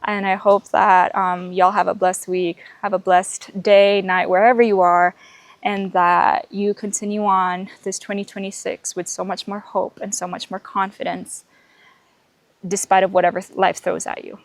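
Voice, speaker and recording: A woman's voice: mid-range voice, level tone, moderate pace, no echo. An earnest woman gives encouraging, faith-based reflections in a casual personal vlog. She uses many "um"s, "like"s and restarts. Her voice sits in a middle range and sounds close and dry, though she is outdoors on a canopy walk. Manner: frequent fillers and restarts. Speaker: podcast host.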